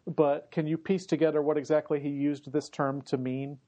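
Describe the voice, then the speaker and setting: A man's voice: on the high side, flat delivery, moderate pace, mellow. A man hosting a casual, joking podcast chat, sounding boxy as if inside a barrel on a built-in laptop microphone. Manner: joking, teasing. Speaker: podcast host; English professor. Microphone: embedded laptop microphone instead of headset.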